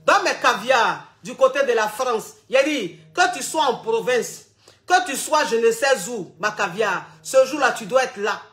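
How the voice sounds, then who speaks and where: High-voiced blunt woman call-in host. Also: lively intonation, unhurried, fairly bright tone. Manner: blunt, repetitive, affectionate terms. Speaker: advice show host. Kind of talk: live call-in advice chat.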